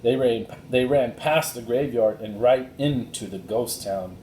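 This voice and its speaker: Reading aloud from a children's chapter book, a man narrates deliberately and expressively. Behind him you can hear a spacious echo and faint rumbling noise.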